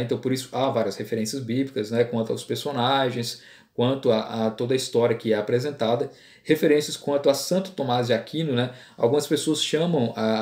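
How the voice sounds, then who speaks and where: A man giving an informal lecture, pausing often and tagging his sentences with a questioning "right?". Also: medium pitch, a little mellow. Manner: halting, with frequent fillers and "né?" tags. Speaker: teacher. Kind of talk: classroom-style lecture. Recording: roomy echo.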